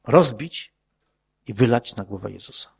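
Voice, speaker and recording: A man preaching an earnest sermon to his congregation, asking rhetorical questions and dropping his voice low for quoted words. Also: animated, normal speed, creaky, breathy edge.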